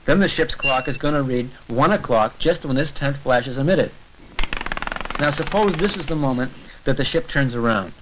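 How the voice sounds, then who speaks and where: This man speaks at normal speed in a mid-range voice, narrating a science short for learners. He keeps it conversational and informal, like a lecture explained step by step. It's recorded on a crackly, noisy 1970s film soundtrack with clicks.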